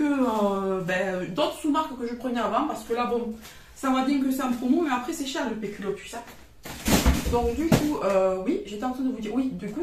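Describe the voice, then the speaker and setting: A woman's voice: sits high, distant mic. A chatty woman in her thirties with a southern French accent, casually showing her grocery haul with frank, colloquial talk. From southern France. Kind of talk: casual chat. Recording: roomy echo, voice from off the mic.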